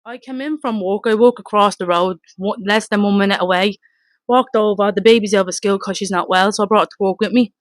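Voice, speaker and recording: A woman with a Dublin accent giving a blunt, rapid, emotional first-hand account, swearing and re-enacting her shouts, outdoors in front of her home. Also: medium pitch, no echo. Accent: Dublin Irish. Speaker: mother telling her story.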